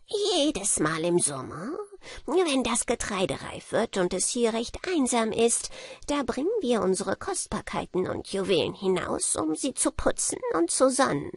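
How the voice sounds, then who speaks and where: Storybook dwarf king, voiced by a woman: old, stern, slow, husky and gravelly. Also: fairly high pitch, very animated, no echo, pitched above the performer's own voice, heavily acted. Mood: solemn.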